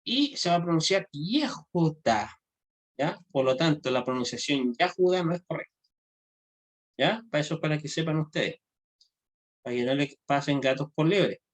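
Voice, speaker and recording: Male language teacher, slightly high voice, informal classroom lecture, frequent check-ins, halting delivery. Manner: checks understanding with frequent tag questions; halting, restarts phrases often. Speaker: Hebrew grammar teacher.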